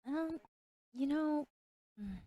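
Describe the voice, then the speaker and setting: A woman's voice: sits high, animated, drawn-out words, no echo, dull audio. A woman who is not a native English speaker, chatting casually as a pool match commentator and laughing at her own jokes.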